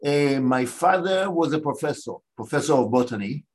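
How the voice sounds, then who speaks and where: An older man from Israel, a guest answering interview questions in a measured, pausing way. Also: a little high, expressive, darkish tone.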